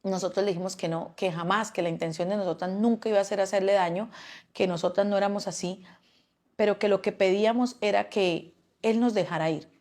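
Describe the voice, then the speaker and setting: A woman's voice: medium pitch, steady tone, a little fast, darkish tone. A woman giving a personal testimony, often stopping and repeating words as she recounts events.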